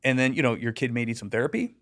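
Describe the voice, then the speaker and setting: His medium-pitched voice races along as this middle-aged American deputy and digital safety educator recounts stories in an easygoing interview. Animated and full of fillers, he acts out the people he quotes.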